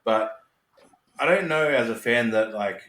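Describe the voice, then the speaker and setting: A man's voice: medium pitch, expressive, measured pace, a crowd in the background. A man chatting casually as a podcast co-host, giving his opinions in a reflective, slightly hesitant way. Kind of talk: casual chat. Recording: roomy, echoey sound.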